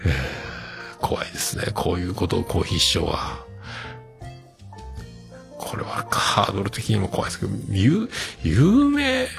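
A middle-aged man hosts a casual solo podcast, reading listener messages, chatting, and laughing often. His voice is sing-song with vocal fry, at a moderate pace with long pauses, and he swoops into high falsetto when demonstrating singing. Music plays in the background.

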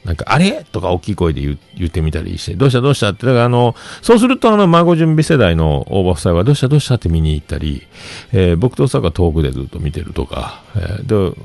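Guy in his 50s, deep voice but swings all over, dry close sound, rambly story chat. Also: fast talker, creaky, dry recording. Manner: animated, rambling anecdotes with many fillers. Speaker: livestream host. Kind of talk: casual solo storytelling.

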